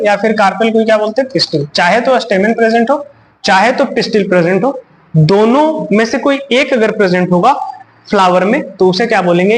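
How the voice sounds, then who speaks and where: A high-pitched male teacher in a recorded biology lesson, asking his students a question and then answering it himself, drilling each key term again and again. He slips English science words into his explanations and reads English textbook lines aloud. A faint noise sits behind him. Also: poor audio. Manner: asks questions and answers them himself, repeating key terms; mixes in English terms and reads English text aloud. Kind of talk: classroom lecture on a recorded video.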